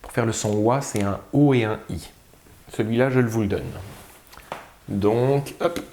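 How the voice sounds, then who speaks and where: A man teaching a spelling lesson, sounding out syllables slowly and carefully. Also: mid-range voice, a little mellow, echoey room, slight background noise. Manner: slow, drawn-out, sounding out syllables.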